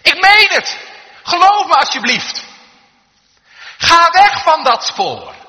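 Preacher doing a frantic shouting man, pleading, high strained yell, long echo. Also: wildly swooping pitch, slow pace, full character voice. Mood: urgent shouting. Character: man shouting a warning from a distance.

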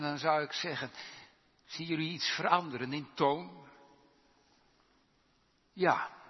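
A man delivers a sermon from a church pulpit, his fairly high, husky voice moving at an unhurried, measured pace. He lifts his voice to stress the quoted psalm lines. The sound is dull, with a long reverb trailing through the building. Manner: preaching with emphatic rises on quoted psalm lines. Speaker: pastor.

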